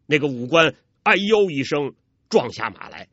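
A man narrating a martial arts story in a lively, dramatic storytelling manner. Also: a little high, normal speed, dry recording. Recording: dull, dry recording.

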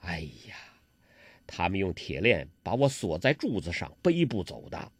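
A male storyteller voicing a sly, self-important young nobleman held prisoner, speaking low and hushed. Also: very animated, moderate pace, no room sound, exaggerated voice.

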